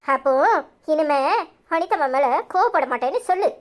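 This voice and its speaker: A woman's voice: high-pitched, lively intonation, normal speed. A woman voicing a harsh, scolding second wife in a cartoon, speaking curtly with a Tirunelveli Tamil accent. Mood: demanding. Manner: curt, scolding.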